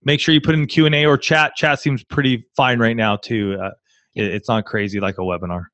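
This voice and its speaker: A man's voice: medium pitch, steady tone, brisk, fairly bright tone, dry recording. A man co-hosting a live online marriage coaching session, telling a personal story earnestly and often repeating his words.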